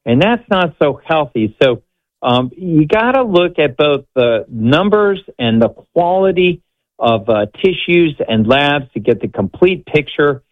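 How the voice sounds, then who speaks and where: A man speaking as a medical expert guest on a radio show, explaining conversationally in a halting, measured way. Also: a little high, lively intonation. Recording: slightly dull, band-limited audio.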